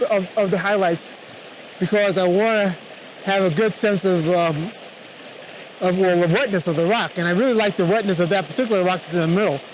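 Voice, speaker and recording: A man with a fairly high-pitched voice talks through his camera work in a casual, on-location vlog style. He is outdoors beside a rushing river, raising his voice over the sound of the water behind him. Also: rough recording. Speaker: photography vlogger. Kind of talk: casual on-location photography tutorial. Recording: loud rushing stream noise.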